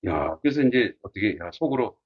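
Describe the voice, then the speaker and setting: Husky guy pastor teaching a class, voice jumping all over, kinda muffled lo-fi sound. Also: on the low side, fairly quick. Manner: animated storytelling, frequent rhetorical questions. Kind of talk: casual classroom lecture.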